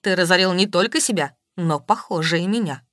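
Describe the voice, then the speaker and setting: A woman voicing a capricious, quick-tempered wealthy woman in an audiobook. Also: a bit bright, no echo, studio quality, close to an everyday voice. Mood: angry. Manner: capricious and shrill.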